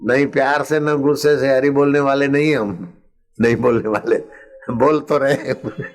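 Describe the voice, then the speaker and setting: A man's voice: medium pitch, steady tone. An older man preaching a satsang sermon, telling a story and chanting refrains. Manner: slow, chanting refrains and acting out story voices. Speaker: spiritual preacher.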